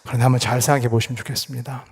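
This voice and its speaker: A man's voice: mid-range voice, little pitch movement, rapid-fire, husky. A male pastor preaching a sermon, asking rhetorical questions and repeating phrases for emphasis. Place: church sanctuary. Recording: echoey church hall.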